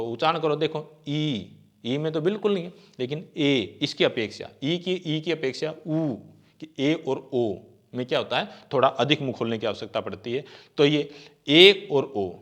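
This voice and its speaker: A man gives an exam-prep grammar lecture in a slightly high voice. He keeps asking rhetorical questions and answering them himself. He stretches out vowel sounds as he demonstrates them. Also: fairly bright tone. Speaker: teacher.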